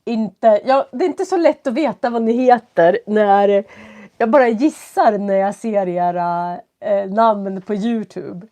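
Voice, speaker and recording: A woman with a stuffy nose and a cough, teaching from home and talking slowly and clearly for learners as she greets viewers on a live stream. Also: mid-range voice, mellow. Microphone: computer setup.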